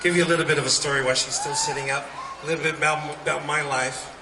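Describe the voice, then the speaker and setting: A man's voice: on the high side, steady tone, very fast. New man on a concert stage. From New Zealand. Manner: rambling and heartfelt, laughing often between phrases. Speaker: slack key guitarist performing at a festival. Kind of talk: live stage banter between songs. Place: concert stage at an arts center. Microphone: stage microphone. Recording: roomy live concert recording from a distance. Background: loud crowd and hall noise.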